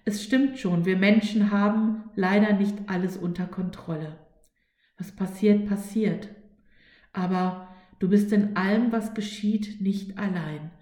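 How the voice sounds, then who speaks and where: Woman doing kind soft trust figure, calm and slow, echoey room. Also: mid-range voice, natural voice. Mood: soothing. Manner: soft, soothing, reassuring. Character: gentle, kind personified Trust, comforting.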